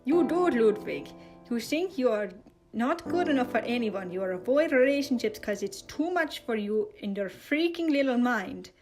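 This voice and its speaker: A woman's voice: fairly high pitch, animated, normal speed, soft background music, close to an everyday voice. A woman reading a fanfic aloud, voicing a brash young man who scolds his brother. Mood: scolding. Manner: shouting, scolding.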